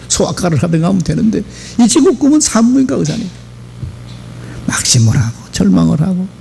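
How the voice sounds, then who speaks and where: A man's voice: high voice, vocal fry, dark tone, a little hiss or hum, poor audio. A male pastor giving a Sunday sermon in a church, telling stories and speaking straight to the congregation. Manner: storytelling with acted dialogue, addressing the congregation. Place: church sanctuary.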